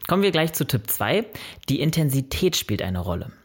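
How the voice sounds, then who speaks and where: A man's voice: a little high, big pitch swings, moderate pace, breathy edge. A man presenting a scripted explainer on running, speaking directly to the viewer in a friendly, informative way and working through numbered tips. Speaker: running vlogger.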